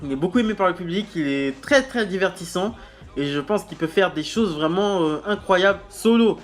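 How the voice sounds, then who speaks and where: Man, fairly high voice, casual news commentary host, halting delivery with fillers, blunt slangy talk, faint music underneath. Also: animated. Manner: hesitant, many filler pauses and restarts. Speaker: wrestling news show host.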